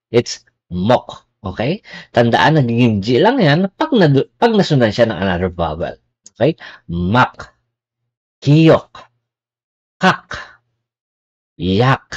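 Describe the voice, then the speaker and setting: A man's voice: medium pitch, no room sound, lo-fi sound. A man teaching a pronunciation lesson in a casual, explanatory way, checking in with "okay" after each point. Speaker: language teacher.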